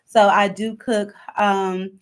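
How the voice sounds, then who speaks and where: A thirty-two-year-old hair stylist talks casually as an interview guest, speaking slowly in a mid-range, level voice. She's emphatic and often repeats her phrases to drive her points home.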